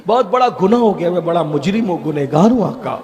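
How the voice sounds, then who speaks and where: A man's voice: high voice, lively intonation, a little mellow, muffled recording. A man preacher voicing a remorseful young male sinner who pleads and repeats his confessions. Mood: pleading remorse.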